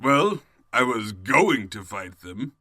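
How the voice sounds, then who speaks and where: A man's voice: mid-range voice, sing-song, takes it slowly, sharp tone, no echo, clean studio sound, full character voice. A man playing an evil, scheming, cowardly pony king in a comedic audio drama, pompous and melodramatic. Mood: evasive excuses. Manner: pompous, melodramatic, slipping into evasive excuses. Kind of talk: comedic fan fiction audio drama acting.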